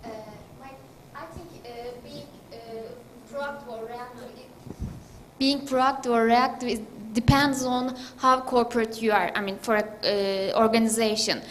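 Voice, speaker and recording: A woman in the audience at a conference Q&A, halting and searching for words. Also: on the high side, steady tone, a little hiss or hum, poor audio. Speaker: audience member asking a question.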